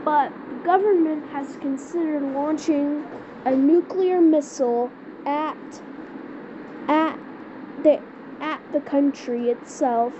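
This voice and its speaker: A high-voiced woman speaks slowly, haltingly repeating words as she looks for phrasing, while improvising an amateur skit with a mock emergency announcement about a homemade emergency scenario. The lo-fi recording is dull and noisy, with loud background noise.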